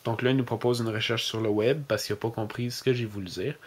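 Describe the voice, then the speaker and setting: A man with a Québécois French accent hosting a casual tech demo, talking hesitantly with many fillers and speaking louder and slower when he gives his phone voice commands. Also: mid-range voice, fairly even intonation, slightly rough. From Quebec, Canada. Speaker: tech video host.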